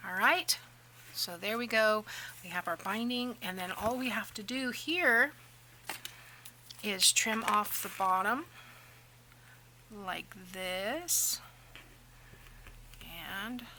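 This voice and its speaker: Bright-voiced chatty woman. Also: medium pitch, slow, pauses often, a little hiss or hum, low-quality recording. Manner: chatty, rambling storyteller. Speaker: crafting vlogger. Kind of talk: casual crafting tutorial and chat.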